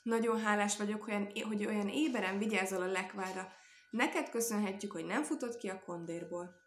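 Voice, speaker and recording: Woman doing kind polite hostess lady, flattering everyone, storybook reading, echoey room. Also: mid-range voice, slight background noise, natural voice. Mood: gracious. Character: kindly gracious hostess, a housewife.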